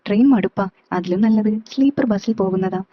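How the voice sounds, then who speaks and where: A woman's voice: medium pitch, fairly quick, no echo, lightly acted. A woman voicing a cheeky young man. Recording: slightly dull, dry recording.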